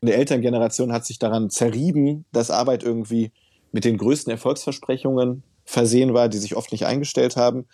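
A man's voice: mid-range voice, fairly even intonation, a little fast, warm tone, dry recording, clean studio sound. A man, a work researcher and author, answering interview questions in a thoughtful, explanatory way with occasional fillers.

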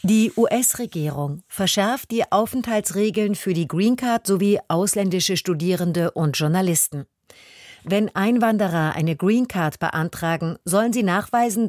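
A woman reading the radio news in a formal, even studio delivery. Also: lowish voice, dry recording. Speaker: newsreader. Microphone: studio mic.

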